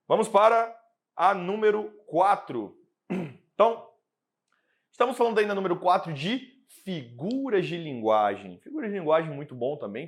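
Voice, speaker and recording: Lively Brazilian male prep teacher. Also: on the high side. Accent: Brazilian Portuguese. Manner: lively, chatty, asks the class questions. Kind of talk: exam prep lesson.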